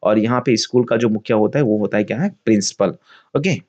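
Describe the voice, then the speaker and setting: A man's voice: lowish voice, quick pace, a little mellow, highs cut off. A man teaching English vocabulary in Hindi. He often asks a question and answers it himself, repeats key words, and calls his viewers friends.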